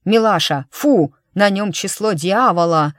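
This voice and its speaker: A woman's voice: deep voice, normal speed, no room sound, clean studio sound, natural voice. A woman voicing a tense, protective young man in an audiobook, speaking urgently. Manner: urgent, sharp.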